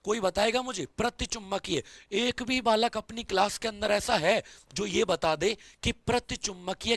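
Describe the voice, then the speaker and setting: Casting: male tutor, high raspy voice that cracks at speed, dry close sound, keeps quizzing his students. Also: a bit bright, no room sound. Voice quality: voice cracks when speaking fast. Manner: repetitive quizzing, calls students "beta" and "babu". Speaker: science teacher. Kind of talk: online exam-prep lecture.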